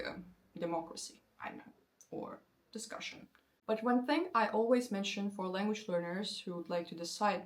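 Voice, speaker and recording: Here a lively Turkish woman in her twenties, mid-range in pitch, chats to camera about learning languages. Her tone stays conversational, though she eases her pace to spell out example sentences.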